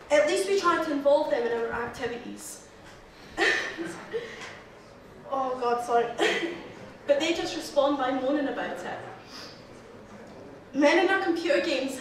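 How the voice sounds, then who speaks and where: Scottish woman, nervous, giggly, high voice, humorous toast speech, far from the mic in a very echoey hall. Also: a bit bright. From Scotland. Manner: giggly, laughs often between lines, apologizes a lot. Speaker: speaker giving the reply to the toast to the lassies. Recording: echoey hall recording from far off, faint noise.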